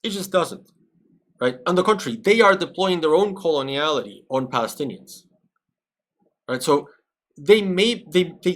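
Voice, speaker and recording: A man from Peru giving conversational, analytical commentary on a live stream, often checking in with "right?". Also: fairly high pitch. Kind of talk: live-stream commentary reacting to a video with chat.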